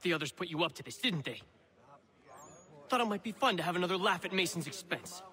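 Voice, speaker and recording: Animated, high-pitched scheming prisoner. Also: male voice, fast talker. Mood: probing, wry. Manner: theatrical, animated, wry. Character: eccentric scheming male prisoner, fervent patriot, talkative. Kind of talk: video game dialogue acting.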